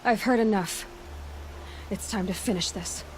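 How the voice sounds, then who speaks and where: An actress playing a determined young huntress heroine in a video game, speaking directly and guardedly over music. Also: female voice, mid-range voice, a little slow, a little hiss or hum, close to an everyday voice, low-quality recording. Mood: stern. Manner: direct, stern, probing. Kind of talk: video game cutscene acting. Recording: music behind the voice.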